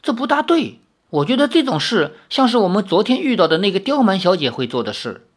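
A man voicing a cheeky young male swordsman who is easily startled, asking quick, incredulous questions in an audiobook reading. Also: sits high, sing-song, pitched above the performer's own voice.

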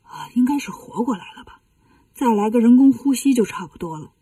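A woman doing a soft-spoken fussy monk. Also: on the high side, expressive, brisk, breathy edge, no room sound, distant mic. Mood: mild. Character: gentle fussy male monk master.

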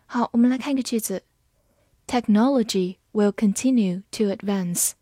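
A woman whose first language is Chinese, teaching English vocabulary in a scripted lesson, spelling words out letter by letter and reading example sentences slowly. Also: medium pitch, mellow, no echo, clean studio sound.

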